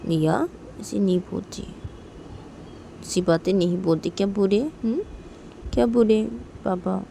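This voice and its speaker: A woman voicing a gentle young mother who talks softly and soothingly. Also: medium pitch, measured pace, creaky, slight background noise. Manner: soft, pleading, soothing.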